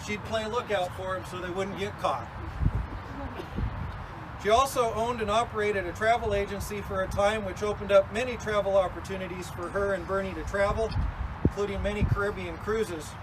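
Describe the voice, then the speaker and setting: A man's voice: high-pitched, steady tone, normal speed. A man officiating a funeral, delivering a eulogy in a conversational, folksy way with casual asides. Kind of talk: eulogy at a graveside service. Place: outdoors at a graveside. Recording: clear outdoor noise, passing vehicles. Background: outdoor ambience and vehicle noise.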